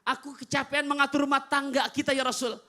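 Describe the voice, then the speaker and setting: A man's voice: very high-pitched, level tone, quick pace, bright, forceful tone, voice pushed up. A man putting on a pleading young wife.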